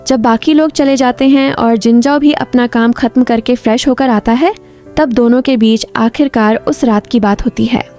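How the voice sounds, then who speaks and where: Higher, mellow-voiced woman narrating a story. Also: normal speed, soft background music. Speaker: drama recap narrator.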